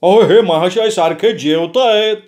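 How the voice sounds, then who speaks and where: A man's voice: sits high, unhurried, darkish tone, voice pushed up. A man voicing a flustered middle-aged hotel manager, exasperated and pleading.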